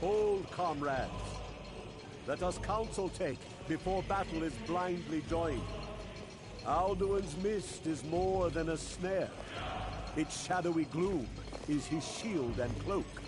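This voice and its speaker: A wise old warrior spirit from a fantasy game, grave and measured in his archaic speech. His voice sits high for a man and moves slowly, weighing every word before battle. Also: noisy background. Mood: solemn counsel. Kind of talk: video game voice acting.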